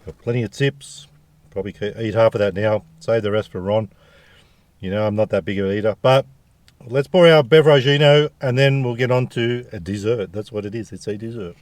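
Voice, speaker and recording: A man's voice: fairly low pitch, fairly quick, a little mellow. A man with an Australian accent chatting casually to viewers as a food review vlogger, jokey and full of slang.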